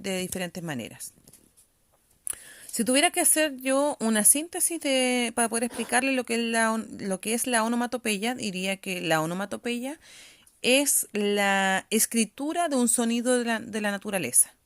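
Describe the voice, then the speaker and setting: A woman's voice: fairly high pitch, normal speed, no echo. A woman teacher leads a reading-comprehension lesson at a patient, explanatory pace. She keeps checking in with her pupils as she goes. The recording is close and dry, with no room sound.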